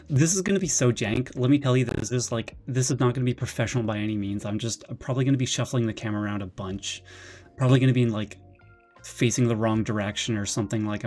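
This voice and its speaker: Streaming live from his bedroom, a man with a lowish voice talks in a rambling, excitable way. His casual chat is full of restarts and carries a somewhat jittery, nervous undertone.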